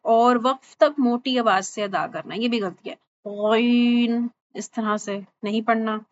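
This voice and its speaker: A woman's voice: a little high, slight background noise. Patient woman teaching tajweed sounds. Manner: patient, repeats each sound slowly and checks with "thik hai?". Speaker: Quran recitation teacher. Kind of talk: online tajweed lesson. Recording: slightly dull lo-fi recording with faint ambience.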